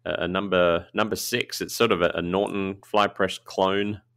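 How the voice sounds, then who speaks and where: A man's voice: deep voice, steady tone, moderate pace, fairly bright tone, clear, resonant tone, no echo, studio quality. A man hosting a podcast, chatting casually with frequent laughs and filler words. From Australia. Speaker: podcast host, knifemaker.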